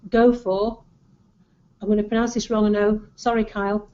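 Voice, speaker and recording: A woman's voice: mid-range voice, flat delivery, normal speed, warm tone. A woman with a Lancashire accent giving an informal marketing presentation, advising in an encouraging, conversational way. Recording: dull, lo-fi audio.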